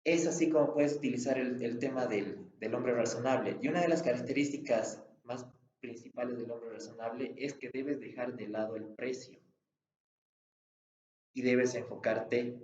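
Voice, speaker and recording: A man's voice: mid-range voice, normal speed, a little mellow. Man, Bolivian accent, sales trainer, firm and emphatic, roomy echo, slightly muffled sound. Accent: Bolivian Spanish. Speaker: real estate sales trainer. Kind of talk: instructional talk with sales role-play examples. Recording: roomy, slightly dull recording.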